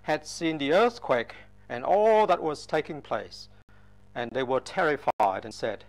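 A man reads the Gospel aloud at Mass, unhurried and solemn, letting each phrase settle. His voice sits a little high for a man. He sounds measured and deliberate, as in church. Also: animated. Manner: slow, measured, solemn reading. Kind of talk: liturgical Gospel reading.

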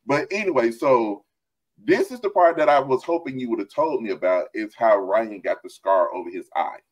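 Laughing often and gesturing as he speaks, a middle-aged author and host keeps up an animated, casual video call chat from home. His voice is medium-pitched at a moderate pace, recorded on a headset with low quality.

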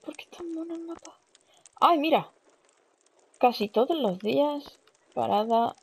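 A chatty young Spanish woman with a Spain Spanish accent hosts a gaming channel, giving casual let's-play commentary over game music. She swears casually and reacts aloud as she plays. Her high voice is animated with vocal fry, at a measured pace.

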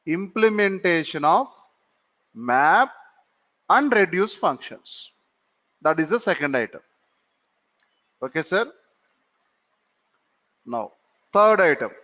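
Male classroom instructor, lecturing in a slow drawl with self-posed questions; muffled lo-fi sound with long room echo. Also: high-pitched, a bit bright. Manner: slow, repeats phrases and asks himself questions. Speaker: computer course instructor. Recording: dull lo-fi recording in a reverberant room.

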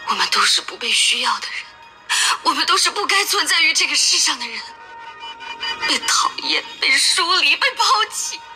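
Disembodied voice, bitter taunting woman, high-pitched, game cutscene, music behind. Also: animated, moderate pace. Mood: gloating. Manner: taunting, with growing gleeful laughter. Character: mocking unseen female voice, bitter and cruel. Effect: disembodied voice heard from nowhere. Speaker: game character. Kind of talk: dubbed game cutscene acting.

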